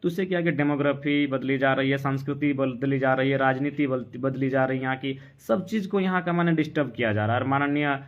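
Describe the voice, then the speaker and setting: A man from Jharkhand, India, talks a little fast with few pauses, his medium-pitched voice fairly even in intonation and marked by a Jharkhandi Hindi accent. As an activist on a live stream, he answers comments in an impassioned, insistent political argument full of rhetorical questions. The audio is dull and lo-fi.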